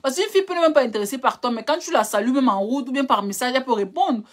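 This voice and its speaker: A young woman runs a live relationship advice session, reading out viewer questions and answering each one. She speaks fast and a little high, with a direct, chiding manner, calling her listeners brother and darling. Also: lively intonation.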